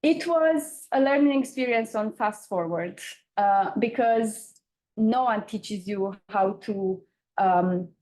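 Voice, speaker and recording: A young woman from Romania with an Eastern European accent, giving an informal conference talk with frequent hesitant pauses. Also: medium pitch, darkish tone, low-quality recording. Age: young adult. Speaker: campaigner, panel speaker.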